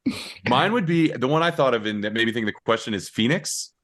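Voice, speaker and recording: A man's voice: medium pitch, animated, quick pace, fairly bright tone. A man co-hosting a podcast, chatting casually and rambling with many restarts. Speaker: podcast co-host. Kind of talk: casual chat.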